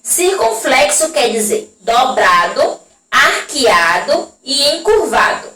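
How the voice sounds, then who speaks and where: A Brazilian primary school teacher with a high, pushed and bright voice leads a recorded lesson for young children, very animated in her Brazilian Portuguese accent. She slowly draws out example words and keeps checking with the class, heard from a distance in an echoey room.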